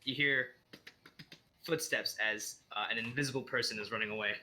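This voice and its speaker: A man with a very bright, forward voice runs a tabletop game as dungeon master. His pitch sits in an ordinary range, and he narrates in a relaxed way, with fillers and restarts as he thinks aloud. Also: moderate pace.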